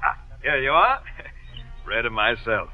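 A smooth, folksy swindler. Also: male voice, medium pitch, sing-song, slow pace, loud music behind the voice. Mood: ingratiating. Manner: ingratiating salesman patter, calls everyone ma'am. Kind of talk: 1940s radio acting. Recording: tinny 1940s radio broadcast.

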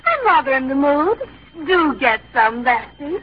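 Very high-voiced coquettish teenage girl. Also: big pitch swings, a little slow. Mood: coy. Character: coquettish, sophisticated teenage girl, affected and poised. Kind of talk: old-time radio comedy acting. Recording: dull lo-fi old radio recording.

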